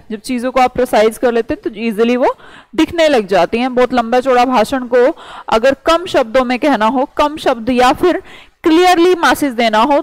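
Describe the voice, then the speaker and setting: A woman's voice: high-pitched, dry recording, rough recording. A woman teacher giving a vocabulary lecture, explaining words by asking questions and answering them herself.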